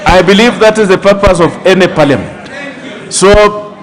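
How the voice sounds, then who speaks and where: A man with a raised, high voice presides over a parliament. He calls for order with formal authority, deliberately repeating phrases to make them stick. His words ring with the long reverb of a large chamber. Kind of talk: formal procedural address from the chair. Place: large indoor legislative chamber.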